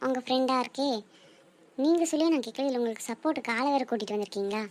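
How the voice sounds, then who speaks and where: A woman's voice: sits high, rapid-fire, darkish tone, a little hiss or hum, close to an everyday voice. A woman playing an exasperated young bride-to-be. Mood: indignant. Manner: exasperated, argumentative. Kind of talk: Tamil audio drama acting.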